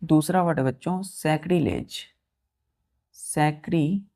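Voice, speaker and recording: A woman's voice: low voice, extremely slow, warm tone. A woman teaching exam vocabulary in a lesson, spelling each word letter by letter, repeating it for drilling and often checking whether students understand. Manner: keeps asking students if it is clear; addresses students as children, repeats words for drilling.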